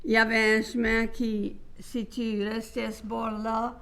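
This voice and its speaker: Slow, creaky older Cajun French woman. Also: on the high side, level tone, fairly bright tone, low-quality recording. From south Louisiana, United States. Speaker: guest, singer. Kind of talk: casual reminiscing.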